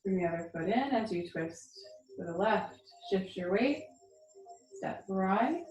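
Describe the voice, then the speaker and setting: A woman teaches a guided movement class with music playing behind her. Her voice sits at a middle pitch and echoes in the room. She gives short, informal cues and reassures as she goes. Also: expressive, unhurried, a little mellow, highs cut off. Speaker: tai chi instructor. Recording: roomy echo, music behind.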